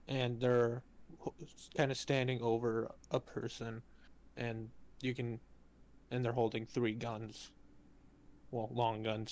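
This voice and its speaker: Hesitant game master, strained voice. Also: male voice, medium pitch, darkish tone. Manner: hesitant, many ums and restarts. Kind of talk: narrating a tabletop game.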